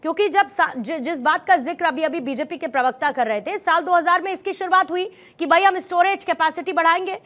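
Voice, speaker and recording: Very high-pitched woman hosting news debate. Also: brisk, hardly any pauses, a bit bright. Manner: interjecting, pressing with pointed questions. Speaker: TV debate host.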